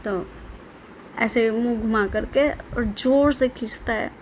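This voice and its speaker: Lady casually retelling a drama, chatty, keeps cracking up, slightly high voice. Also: slow, a little hiss or hum. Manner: chatty, quotes characters, breaks into laughter. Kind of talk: casual spoken plot retelling.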